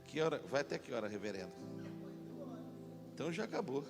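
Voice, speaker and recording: A man's voice: mid-range voice, a little fast, vocal fry. Male pastor preaching hard in church, music playing under him, gets the crowd repeating lines. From Brazil. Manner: animated, call-and-response with congregation. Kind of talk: sermon. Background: instrumental music.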